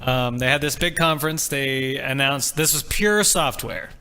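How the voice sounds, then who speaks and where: Bright-voiced relaxed male co-host. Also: mid-range voice, measured pace, slight background noise. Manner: relaxed, self-deprecating. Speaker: podcast co-host. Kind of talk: casual tech chat.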